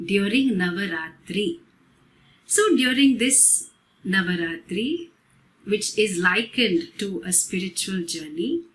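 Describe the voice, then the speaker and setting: Slow, measured woman giving a spiritual talk. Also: medium pitch, fairly bright tone, poor audio. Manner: measured, explanatory, unhurried. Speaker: spiritual teacher.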